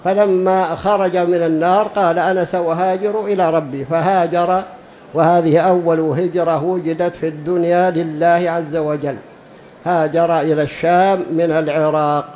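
Emphatic high-voiced male preacher. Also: steady tone, normal speed, darkish tone, muffled recording, slight background noise. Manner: emphatic, repeats key phrases for stress; drawls words out when demonstrating pronunciation. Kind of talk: religious lesson.

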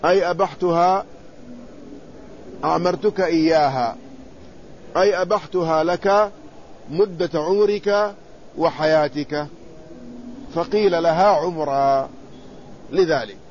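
A man teaching an Islamic lesson, reading a classical hadith commentary aloud and explaining each phrase in plain words, sometimes asking a question and answering it himself. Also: on the high side. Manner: reads quoted text then explains it plainly, pausing to ask and answer himself. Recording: slightly muffled recording with faint background noise.

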